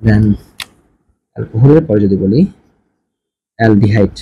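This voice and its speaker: A man's voice: fairly low pitch, unhurried, dark tone, slightly rough, dull audio. A male chemistry teacher giving a classroom lecture, often checking in with his students and mixing English terms into his explanations. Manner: asks students frequent check questions; mixes English terms into speech.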